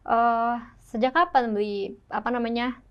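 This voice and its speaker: A woman's voice: on the high side, a little slow, clean tone, highs cut off. Friendly woman interviewer. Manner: friendly, encouraging questions. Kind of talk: casual interview.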